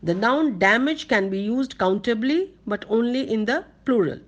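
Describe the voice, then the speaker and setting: A woman with an Indian English accent giving a college grammar lecture, dictating slowly and repeating each point so students can take notes. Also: fairly high pitch, expressive, highs cut off, a little hiss or hum. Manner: slow, deliberate dictation, repeating words for note-taking.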